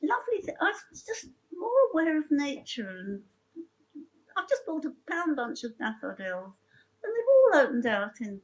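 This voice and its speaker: A woman's voice: sits high, very animated, moderate pace, low-quality recording. An older woman telling her own story in an interview, chatty and heartfelt, rambling with many restarts. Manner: emotional and heartfelt.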